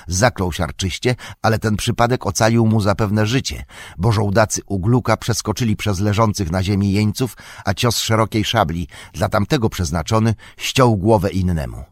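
A man narrating an audiobook of a fantasy novel in a steady, measured storytelling manner. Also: lowish voice, no echo.

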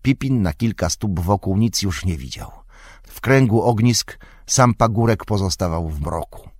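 A man narrating an audiobook in a steady, measured reading. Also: fairly low pitch, slightly rough, no room sound, studio quality. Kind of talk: scripted narration.

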